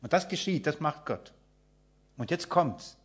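Male preacher, fairly high voice, emphatic sermon delivery with big swings in volume, plays out quoted characters. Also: expressive, a little slow, breathy edge. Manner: emphatic, acts out quoted voices and shifts loudness often.

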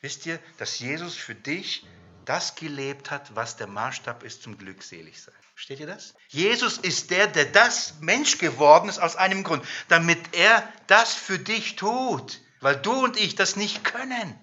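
A man preaching a sermon who fires rhetorical questions at his congregation and swings between loud emphasis and hushed asides. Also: on the high side, lively intonation, a little slow, lo-fi sound.

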